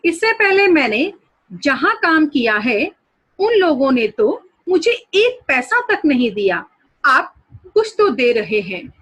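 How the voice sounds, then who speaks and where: A woman's voice: high voice, sing-song, takes it slowly, fairly bright tone, heavily acted, low-quality recording. A woman voicing a timid, submissive young female servant who answers her employer in a fearful, meek way.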